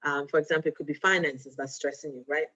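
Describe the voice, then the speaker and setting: A woman's voice: deep voice, steady tone, quick pace, sharp tone. Woman as a diabetes educator, chatty and easygoing, dull lo-fi recording. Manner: conversational, often checks in with "right?"; mixes Twi phrases into English. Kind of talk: casual health talk.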